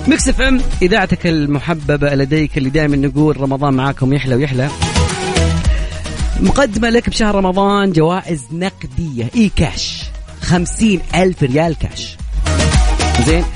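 A man's voice: fairly high pitch, expressive. A man with a Saudi accent hosting a live radio quiz show with callers, joking and chatty. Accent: Saudi Arabic. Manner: fast, jokey and chatty. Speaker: radio host. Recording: radio studio with loud music bed.

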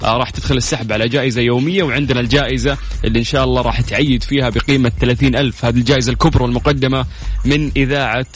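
A man's voice: medium pitch, fairly even intonation, very fast. A man with a Saudi accent hosting a radio call-in quiz, teasing callers and laughing often. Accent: Saudi Arabian.

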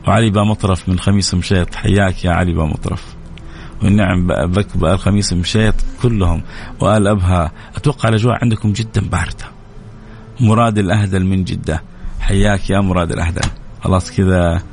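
A man's voice: low-pitched, slight background noise. A male radio host, chatting casually and greeting listeners one after another. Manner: warm greetings, quick lively delivery. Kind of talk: casual live radio chat, reading listener names.

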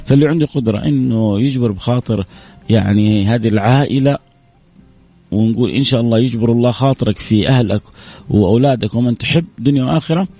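A man hosting a call-in radio show, his voice hoarse, reading out listener messages with devout phrasing. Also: mid-range voice, fast, soft background music. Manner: reads listener messages aloud, warm religious phrasing.

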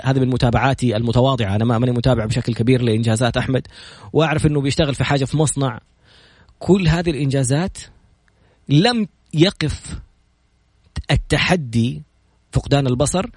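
A male podcast host talks at a quick clip, chatty and lively. His voice sits at an ordinary pitch. The sound is close and dry, with no room echo. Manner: opens with recited prayers, then brisk storytelling; lively and chatty, jokes with the guest. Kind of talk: casual talk show introducing a guest.

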